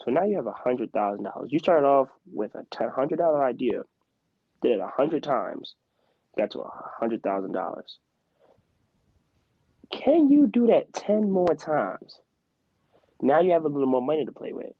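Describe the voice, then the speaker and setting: A young man in his twenties from Philadelphia, a guest in a casual interview, telling stories in an animated, emphatic way. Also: medium pitch, moderate pace, pauses often, husky, no echo. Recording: slightly dull, muffled sound.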